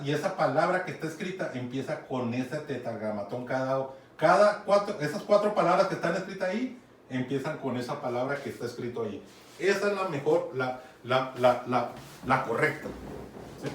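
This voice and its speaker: A man preaching a sermon in a conversational teaching manner, often checking in with his listeners. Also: a little high. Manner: conversational teaching, keeps asking "¿sí?" and urging "fíjate bien". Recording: echoey room, mic far off, some noise.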